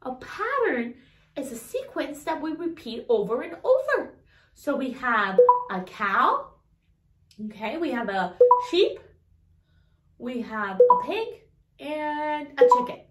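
A middle-aged woman hosting a lesson for toddlers, speaking in an exaggerated, encouraging way and pausing for answers. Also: sits high, sing-song, a bit bright, reverberant. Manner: exaggerated, encouraging teacher talk with questions and pauses for answers. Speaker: children's educational show host. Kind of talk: toddler lesson addressed to children.

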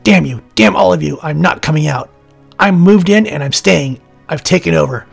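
A sultry female demon, mocking and spiteful, put on by a man reading the account. The voice is a little husky, sits fairly high, and has faint music underneath. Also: a little fast, heavily acted. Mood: defiant.

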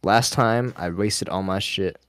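A man chatting casually while playing a game, excitable and quick to swear and yell. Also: fairly low pitch, dry recording. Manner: excitable, swearing, sudden yelling outbursts. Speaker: gamer. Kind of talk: casual gameplay chat.

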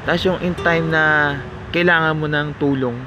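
A young Filipino man vlogs outdoors at night, holding the camera close in selfie framing. He chats casually in an earnest, reflective way with plenty of fillers, using a fairly high voice with fairly even intonation at a normal speed while music plays in the background.

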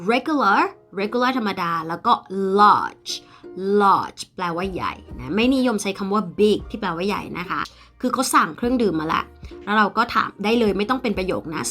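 Bright-voiced Thai woman teaching English. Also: mid-range voice. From Thailand. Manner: explains in Thai, says English phrases slowly and clearly. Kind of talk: casual video lesson.

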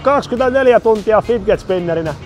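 A man vlogging at an amusement park, joking and shouting on the rides, his voice going hoarse. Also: high voice, soft background music. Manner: excited, jokey, shouts on rides. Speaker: YouTuber. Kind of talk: amusement park ride vlog. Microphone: action camera.

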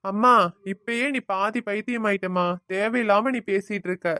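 A woman's voice: mid-range voice, fairly even intonation, moderate pace, fairly bright tone, dry recording, lightly acted. A woman voicing a young husband, tender to his wife and firm with his mother, in a family cartoon. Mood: warning. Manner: warning, insistent, affectionate to wife. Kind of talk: cartoon voice acting.

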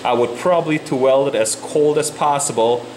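A man's voice: medium pitch, fairly quick, a little mellow, a little hiss or hum, rough recording. A man in his thirties explaining a weld repair in casual, plainspoken terms, recorded in an indoor metal workshop on a camera mic. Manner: plainspoken, matter-of-fact, mildly profane. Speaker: welder demonstrating a repair. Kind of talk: casual shop instruction. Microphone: camera mic on a handheld camera.

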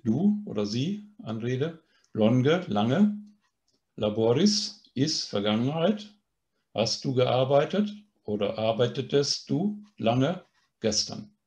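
Male language instructor, unhurried, patient explainer, mid-pitched voice, online lesson. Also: darkish tone. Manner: patient, explanatory, often adds a questioning "ne?".

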